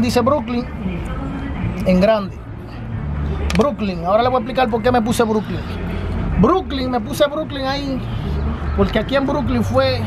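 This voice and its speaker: A man in his thirties from the Dominican Republic, with a Dominican Spanish accent, earnestly explaining things to his channel's viewers in a casual vlog, filmed outdoors beside a storefront. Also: extremely high pitch. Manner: earnest, repetitive, addresses viewers directly. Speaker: family channel host. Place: outdoors by a storefront on a city street. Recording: street noise outdoors. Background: city traffic.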